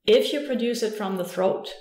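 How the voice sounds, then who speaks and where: A German woman with a German accent teaching pronunciation patiently and clearly, modelling each word slowly. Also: mid-range voice, a little mellow, echoey room. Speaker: language teacher. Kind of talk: pronunciation lesson.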